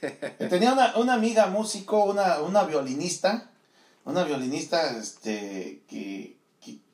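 Rambling host, fairly high voice. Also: male voice, lively intonation, measured pace, a little mellow, echoey room. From Tierra Caliente, Michoacán, Mexico. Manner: rambling, many fillers and laughs. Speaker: radio show host. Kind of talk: casual morning show chat.

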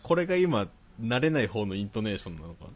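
A man with a Nagoya accent, a podcast co-host reading listener mail aloud in a calm, even voice and chatting casually. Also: on the low side, fast. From Nagoya, Japan.

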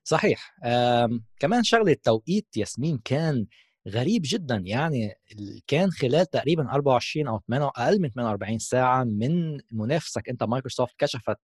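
A man's voice: mid-range voice, animated, fast talker, darkish tone, slightly rough, no room sound, studio quality. A man with a Levantine Arabic accent giving a casual explanatory tech talk as a gaming host, mixing in English terms.

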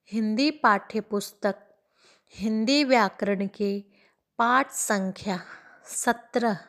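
A woman teaching a grammar lesson to young pupils, speaking slowly and deliberately and addressing the children fondly. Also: a little high. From India. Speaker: Hindi teacher.

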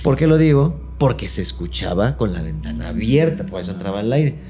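A man's voice: on the low side, a little fast, soft background music. A man with a Mexican accent telling a real ghost story on a casual podcast, full of slang and acting out each quote in a different voice. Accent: Mexican Spanish. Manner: slangy, acts out every quote in lively voices. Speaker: podcast host.

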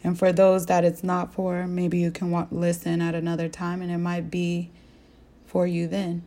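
Woman, young adult, from the Southwest, podcast host, earnest storytelling, asks listeners questions, mellow tone. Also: fairly low pitch, completely flat delivery, normal speed. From American Southwest. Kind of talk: faith-based reflective talk.

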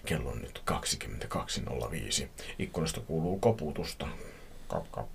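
A podcast host reading a listener's horror story aloud, playful and joking between passages. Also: male voice, very deep voice, expressive, gravelly, slight background noise. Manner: playful, laughs at his own reading.

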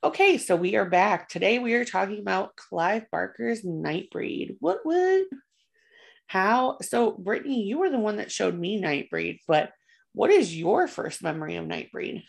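Gravelly-voiced chatty woman podcaster. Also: medium pitch, very animated, unhurried. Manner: chatty, swears freely, many fillers. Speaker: podcast co-host. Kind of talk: casual horror podcast chat.

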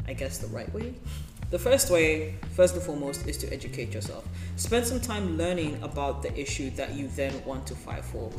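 Candid vlogger from Ethiopia, roomy sound. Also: medium pitch. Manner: candid, opinionated, with joking asides. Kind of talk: opinionated advice vlog. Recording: roomy sound with background music.

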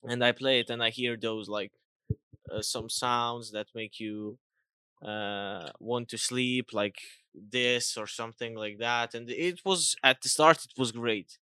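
A man's voice: mid-range voice, a little slow, sharp tone, clean tone, dry recording. A young man co-hosting a casual chat, talking loosely with plenty of "like" fillers. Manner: chatty, lots of "like" fillers and restarts. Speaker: podcast co-host.

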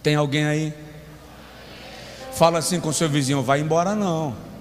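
Male pastor, high voice, dramatic sermon, long church reverb with soft music under it. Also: fairly even intonation. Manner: dramatic, slows and shouts for emphasis.

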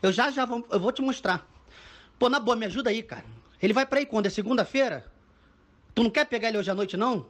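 Fast-talking exasperated father. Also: high voice, fairly bright tone. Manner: exasperated, sarcastic. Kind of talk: comic rant.

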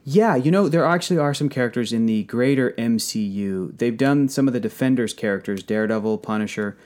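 A man's voice: medium pitch, fairly quick. A man in casual, enthusiastic podcast conversation, telling stories and acting out little quotes as he goes. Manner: animated storytelling, acts out quotes. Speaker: podcast guest, toy collector.

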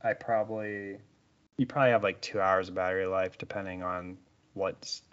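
A man's voice: deep voice, little pitch movement, a little fast, fairly bright tone, clean tone, lo-fi sound. A man co-hosting a podcast in casual chat, explaining things in an easygoing, agreeable way. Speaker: podcast co-host.

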